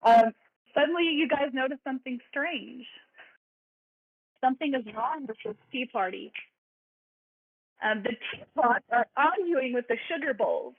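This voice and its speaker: A woman's voice: sits high, animated, measured pace, pauses often, dry recording. A woman narrating a tabletop game as dungeon master, playful and laughing, with frequent fillers. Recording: dry, phone-like sound.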